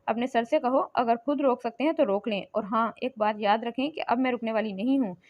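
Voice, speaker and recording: A woman voicing a quick-tempered, defiant young woman who talks sharply and snappishly, in a slightly muffled lo-fi recording. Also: fairly high pitch, natural voice.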